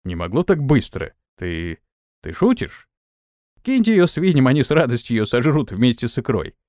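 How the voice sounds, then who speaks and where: A man's voice: medium pitch, sing-song, moderate pace, a little mellow, dry recording, studio quality. A man voicing a hot-tempered young male police trainee with indignant outbursts.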